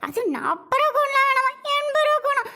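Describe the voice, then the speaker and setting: A woman's voice: very high voice, animated, fairly quick, sharp tone, exaggerated voice. A woman acting a jealous, sarcastic wife who nags and grumbles in a comedy sketch. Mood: grumbling. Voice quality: sarcastic, nagging. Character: jealous sharp-tongued wife, middle-aged.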